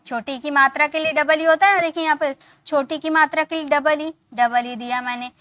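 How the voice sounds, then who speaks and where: A woman from India giving an online lesson as an English teacher, patiently explaining and often checking that the point is clear. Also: high-pitched, fairly even intonation, a little fast, fairly bright tone. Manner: patient, repeats points with frequent check-ins.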